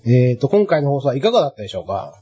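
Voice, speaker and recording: A man's voice: medium pitch, very animated, rapid-fire, dark tone, breathy edge. A man co-hosting a casual podcast with a stuffy nose, laughing often and tripping over his words. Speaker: podcast co-host. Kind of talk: casual chat. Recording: dull lo-fi recording.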